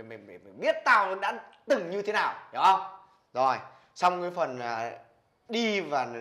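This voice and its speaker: A man playing a bossy young man who loudly coaches a friend in a comedy skit. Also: high voice. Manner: loud, bossy, animated scolding.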